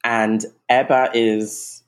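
A woman raised in England, a guest eating coach, talking in a chatty, warm podcast conversation with frequent ums and restarts. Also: a bass voice, flat delivery, extremely slow. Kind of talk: casual podcast chat.

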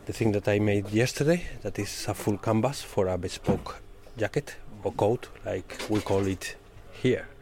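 Low-voiced mature man with a Spanish accent. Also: moderate pace, hardly any pauses. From Spain. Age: middle-aged or older. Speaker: bespoke tailoring undercutter. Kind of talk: explanatory interview answers.

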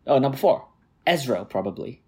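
A man's voice: mid-range voice, brisk, crowd noise. A man co-hosting a gaming podcast, talking casually and getting worked up as he rants about teammates. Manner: excitable, worked up, ranting. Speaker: podcast co-host, jungle player.

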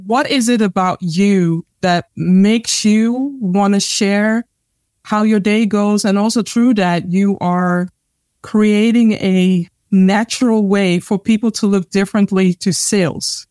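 A woman's voice: mid-range voice, slow, a little mellow, no echo, clean studio sound. A woman hosting a podcast, interviewing in a conversational and affirming way. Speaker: podcast host.

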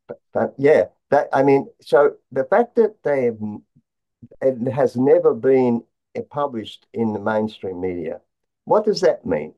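A man explaining conspiracy theories as an interview guest, in a halting way, often repeating words and restarting his phrases. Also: medium pitch, very animated. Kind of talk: conspiracy talk, explaining slides. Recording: dull, lo-fi sound.

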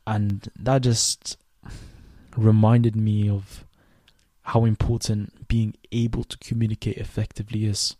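Calm low-voiced young man reflecting. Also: no echo. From Sweden. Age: 20s. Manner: thoughtful, unhurried, with frequent fillers and restarts. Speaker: podcast host. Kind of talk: reflective solo podcast monologue.

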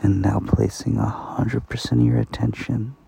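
Man, sleep meditation guide, slow soft delivery, gravelly low voice, breathy whispers. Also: level tone.

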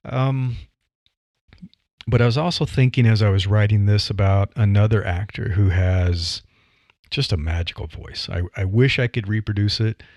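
With a lowish, slightly mellow voice at a moderate pace, a middle-aged man from the Midwest talks through his thoughts on voice delivery. This podcaster and writer is conversational, says "you know" a lot, and laughs lightly, and the recording is dry.

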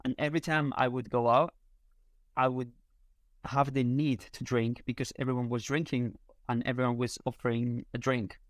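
Speaking English with a Spanish accent, this Spanish-born content creator, native in Spanish, is a casual interview guest who often gropes for his words. His medium-pitched voice comes out flat at normal speed, recorded without echo.

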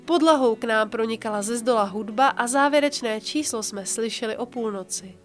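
A woman podcast host reading a book passage aloud with her own commentary, in a calm, measured voice that slows and softens for emphasis. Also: fairly high pitch, soft background music.

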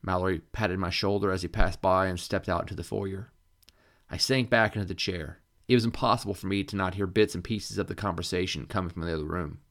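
A man narrates a novel in the first person, measured and even. His voice sits on the low side. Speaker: audiobook narrator.

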